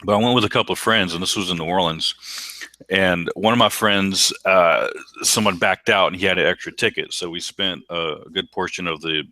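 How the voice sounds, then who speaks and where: Deep-voiced male podcast co-host, bright dry sound, rambling casual anecdotes. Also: fairly quick, no room sound. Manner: rambling storyteller, many ums and restarts. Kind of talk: casual chat.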